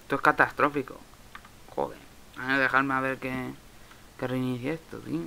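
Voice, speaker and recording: Gravelly young Spaniard muttering through gameplay. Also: male voice, mid-range voice, steady tone, normal speed, bright, forceful tone, slight background noise, low-quality recording. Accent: Spain Spanish. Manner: muttering to himself, swearing at lag. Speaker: Minecraft let's player. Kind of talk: casual gameplay commentary.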